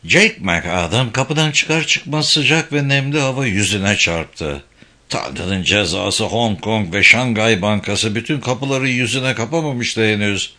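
A man narrating a novel aloud in a measured, steady reading. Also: lowish voice. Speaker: audiobook narrator.

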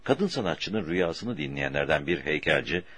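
A man reading a story aloud for an audiobook in a slow, deliberate way, with a husky voice. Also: very deep voice, animated, a bit bright, dry recording. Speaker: audiobook narrator.

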